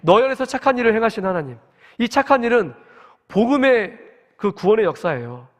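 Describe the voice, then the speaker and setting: Pastor in his forties, high-voiced man, conversational sermon, long church reverb. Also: sing-song, a little fast. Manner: earnest, conversational preaching with rhetorical questions. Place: church sanctuary at early-morning service.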